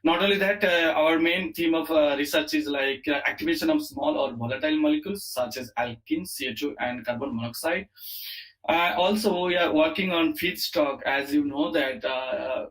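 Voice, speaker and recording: A man with an Indian accent and a slightly high-pitched voice delivers an online university lecture. He speaks in a hesitant, stop-and-start way, often pausing on fillers and repeating words as he explains his material. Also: animated, fairly bright tone, poor audio. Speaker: university lecturer, chemistry professor.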